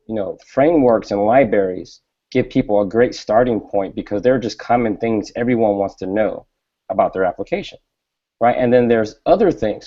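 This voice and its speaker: A man with a low, mellow voice explains his points in a calm, teaching way, often checking with "right?". The recording sounds dull and lo-fi. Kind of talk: casual tech panel chat. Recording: dull lo-fi stream audio.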